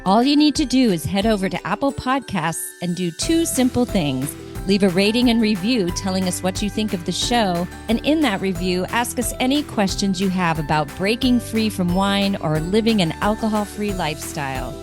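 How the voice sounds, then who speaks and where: A woman's voice: mid-range voice, animated, moderate pace. A woman reading a scripted, upbeat podcast outro. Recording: music bed behind the voice.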